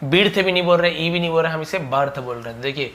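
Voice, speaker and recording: A man teaching English letter sounds in Hindi, explaining patiently and repeating each sound slowly. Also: on the high side, fairly bright tone. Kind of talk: Hindi-language phonics lesson.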